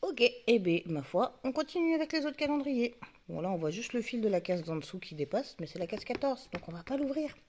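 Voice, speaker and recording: Chatty woman with a lively voice. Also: a little high, fairly quick. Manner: chatty, talks to the camera focus, muttering asides. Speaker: YouTuber unboxing advent calendars. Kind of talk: casual chat.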